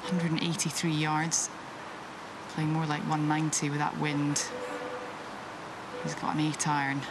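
An on-course golf commentator with a mid-pitched voice explains the shots and conditions. The voice sits in loud outdoor ambience. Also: completely flat delivery, measured pace, heavy background noise.

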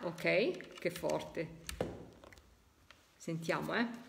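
A woman leading a live spirit-voice session, talking casually and slowly repeating the messages she hears. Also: fairly low pitch, creaky, heavy background noise. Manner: slow, drawn-out repeating of heard messages. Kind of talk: live stream commentary.

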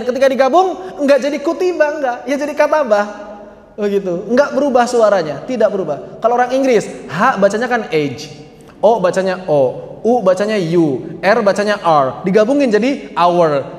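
Man, high-pitched voice, casual teacher, quizzes the class himself, echoey room with long reverb. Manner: lively, asks the class questions and answers them himself; spells out letters slowly. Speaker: tajwid teacher. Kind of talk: casual lecture.

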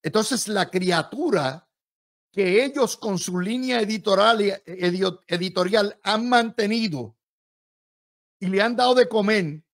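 A man's voice: high voice, animated, measured pace. A man with a Puerto Rican accent giving emphatic, combative and sarcastic political commentary as an analyst.

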